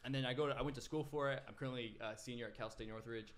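A man's voice: medium pitch, fairly even intonation, very fast, a bit bright. A man in his twenties, a guest telling his story in a casual podcast interview, with many fillers and restarts. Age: 20s. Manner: rambling, lots of fillers and restarts. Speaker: guest videographer. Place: small podcast room. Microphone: desk mic on boom arm.

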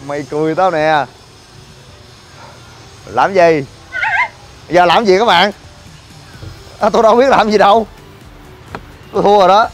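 A man's voice: sits high, fairly even intonation, a little slow, long pauses, faint music behind. A man vlogging next to his car, talking in a casual, exasperated and joking way, full of slang. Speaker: vlogger and gym owner. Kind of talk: casual complaining vlog. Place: outdoors by a car at a gym.

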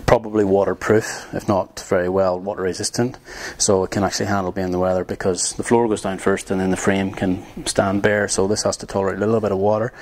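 Young builder, lowish voice, casual rambling demo style with many ums. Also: male voice, level tone, quick pace, darkish tone. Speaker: tiny house builder. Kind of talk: casual hands-on demonstration.

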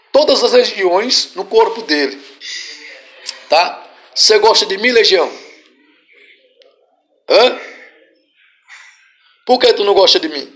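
A Brazilian man, a pastor, leading a deliverance prayer with forceful, repeated commands and sudden shouts. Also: sits high. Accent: Brazilian Portuguese.

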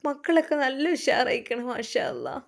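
A soft-voiced grandmother, acted by a woman, coaxing and motherly. She speaks quietly and keeps her pitch fairly high. This is a spoken storybook tale. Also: big pitch swings, moderate pace, gravelly. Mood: tender. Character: tender grandmother comforting her daughter.

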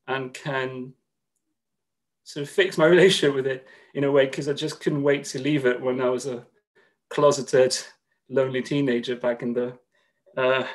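Brief: man, 30s, from Greece, poet on a home video call, mid-pitched, earnest and measured. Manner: gently nervous, earnest thanks, then measured reading. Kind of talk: poetry reading at an online launch. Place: room at home, indoors.

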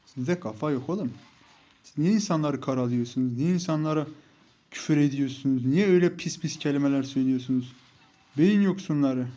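A man's voice: fairly high pitch, brisk, dark tone. Heated young man commentating a mobile game. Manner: heated, scolding and mocking teammates. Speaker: gaming YouTuber.

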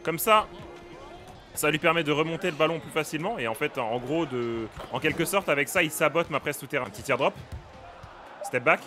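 A young man playing a basketball video game, giving excitable, casual commentary, often shouting at the action and laughing. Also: a little high, a little fast, music in the background. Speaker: gaming streamer.

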